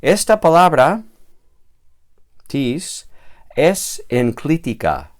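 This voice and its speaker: A man's voice: on the high side, huge pitch swings, drawn-out words. A man teaching a recorded grammar lesson, patient and explanatory, repeating key words and checking with "¿vale?".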